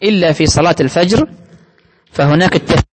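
A man's voice: a little high, fast, husky. A man giving a religious lesson in an explanatory, teacherly way, often quoting scripture. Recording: long hall reverb.

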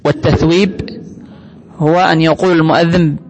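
A man with a notably high voice delivers a religious lesson, explaining each point patiently and quoting scripture as he goes. His voice carries a long reverb, as if he were speaking in a large hall. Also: steady tone, moderate pace, background noise. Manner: explanatory, teacherly, quotes scripture often. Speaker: religious teacher.

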